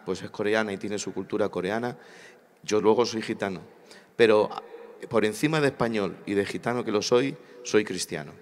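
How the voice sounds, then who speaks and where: A man from Spain gives an impassioned talk on a church congress panel in a large congress hall, sounding preacherly and repeating phrases for emphasis. His voice is on the low side at a moderate pace, with hall reverb.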